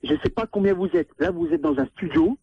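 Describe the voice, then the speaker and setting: A man's voice: high-pitched, big pitch swings, fairly quick, creaky, slightly rough, no echo. A man who is being pranked, angrily ordering the caller out and repeating himself. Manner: angry, insistent, repeating himself. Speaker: prank call victim, landlord. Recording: muffled dry phone line.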